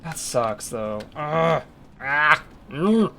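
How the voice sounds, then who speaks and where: A young man with a bright, crisp voice talks casually through a video game run, half to himself. His commentary jumps from low muttering to loud yells. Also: big pitch swings, extremely slow, a little hiss or hum. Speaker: speedrunner. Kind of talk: live gameplay commentary.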